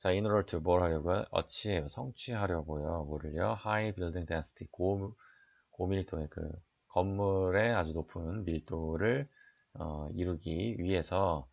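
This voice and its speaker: A man's voice: deep voice, slow pace, creaky, highs cut off. A man teaching an exam-prep English lesson, reading each English phrase aloud, translating it, and answering his own questions. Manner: explains sentence by sentence, reads English then translates; frequent "자" fillers, asks and answers own questions.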